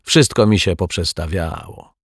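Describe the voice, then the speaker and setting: A man voicing a coarse, overly friendly male crook with a raspy chuckle and slangy talk, in a storybook. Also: sits low, unhurried, no echo, studio quality, exaggerated voice. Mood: jovial. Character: coarse cheerful male small-time crook.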